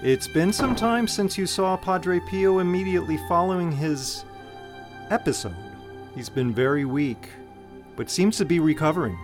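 An actor playing a calm, protective head of a monastery in an audio drama, speaking in a measured, reassuring way. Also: male voice, a little high, close to an everyday voice. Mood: calm, courteous. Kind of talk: dramatized audio story acting. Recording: loud music under the voice.

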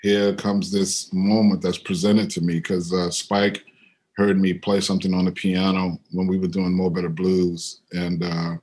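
A middle-aged man with a fairly low voice tells a story from his life at an easy pace. He speaks into a computer on a video call and fills his talk with little asides. He brightens and lifts his voice when he acts out other people. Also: unhurried. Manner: animated when quoting others, otherwise easygoing with fillers. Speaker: interviewed musician and composer. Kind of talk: relaxed storytelling.

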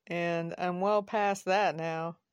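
A woman voicing an easygoing young man who is new to the city, in a relaxed, wry conversational way. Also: lowish voice, takes it slowly, clean tone, dry recording, clean studio sound.

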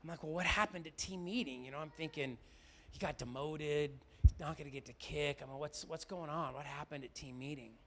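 A middle-aged pastor preaching a sermon. He moves between loud, emphatic declarations and quiet, confiding storytelling. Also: on the high side, a little fast, hardly any pauses, slight background noise.

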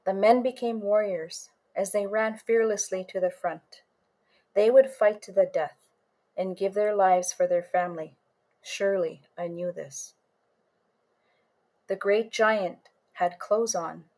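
Woman storyteller, first-person tale, measured and unhurried, lingers on images. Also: medium pitch, steady tone, darkish tone. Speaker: author and storyteller.

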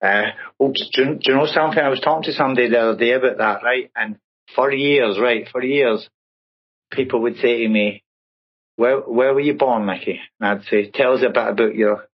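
A Scottish man in his fifties with a Glaswegian accent chats through his life story as an interview guest, often tossing in "right?". His voice is mid-range and a little fast, and the recording is muffled.

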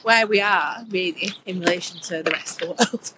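A woman's voice: on the low side, normal speed. Woman out walking, teasing her mate, chatty and blunt, bit of faint noise around. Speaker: co-host. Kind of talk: casual chat on a walk. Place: outdoors on a windy walk.

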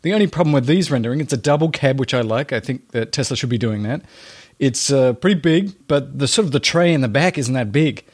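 A man's voice: mid-range voice, animated, a little fast, husky. A man with a mid-range voice hosts a solo news podcast. He talks casually and colloquially, adding theatrical showman flourishes and joking asides as he comments. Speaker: podcast host.

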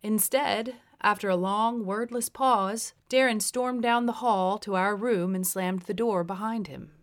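A woman's voice: mid-range voice, measured pace. A woman reading her own memoir aloud as an audiobook, wry and blunt. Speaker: memoir narrator.

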